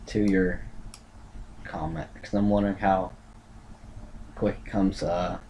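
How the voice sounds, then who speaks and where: A man hosting a casual livestream, rambling and thinking aloud in a halting, self-correcting way. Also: sits low, steady tone, dark tone. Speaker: livestream host tracking a tropical storm. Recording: clear background noise, room ambience.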